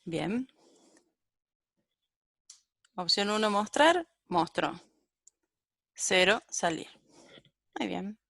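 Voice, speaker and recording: A woman's voice: mid-range voice, animated, drawn-out words, creaky, long pauses, fairly bright tone, no echo, clean studio sound. A woman giving a live-coding programming lecture and thinking aloud as she types and corrects herself. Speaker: programming teacher.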